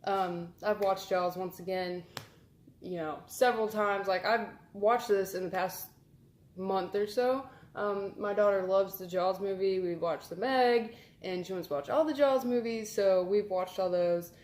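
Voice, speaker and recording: A woman's voice: medium pitch, a little slow, a little mellow. A woman, chatting casually for her vlog in a rambling, filler-heavy, amused way. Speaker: vlogger. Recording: roomy echo.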